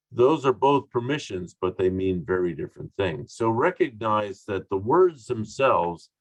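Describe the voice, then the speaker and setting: A man giving an online training talk on communication, deliberate and emphatic, with asides and fillers, recorded over a video call. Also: lowish voice, no echo, low-quality recording.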